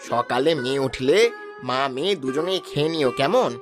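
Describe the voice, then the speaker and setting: A man voicing a fair-minded village father in a cartoon, with a calm, firm way of speaking. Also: mid-range voice, moderate pace, soft background music, natural voice.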